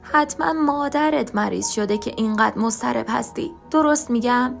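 A woman voicing a frail, limping old woman who talks slowly and gently, in a motherly way. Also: a little high, creaky, soft background music, pitched above the performer's own voice. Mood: sweet, chatty.

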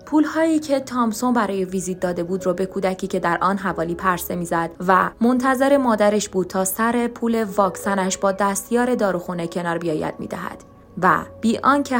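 A woman narrating a story podcast in a calm, measured reading voice. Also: mid-range voice. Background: faint music.

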